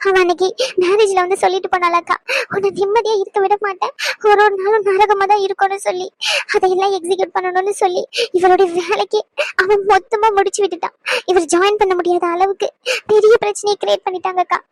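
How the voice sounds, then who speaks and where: A woman voicing a tearful young wife in an animated drama, pleading in a crying voice. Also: very high-pitched, quick pace, no echo.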